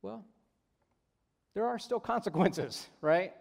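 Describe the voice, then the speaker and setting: Male pastor, relaxed joking sermon delivery, somewhat higher voice, ringing reverb of a large hall. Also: slow pace, creaky. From United States. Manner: conversational, jokey asides, frequent "right?".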